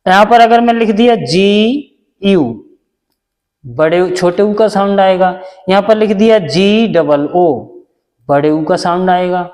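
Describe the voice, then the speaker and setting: Speaking slowly in a high pitch, a man from India delivers a basic classroom lesson in a roomy space. His voice is slightly mellow, and he patiently repeats every step while asking questions only to answer them himself.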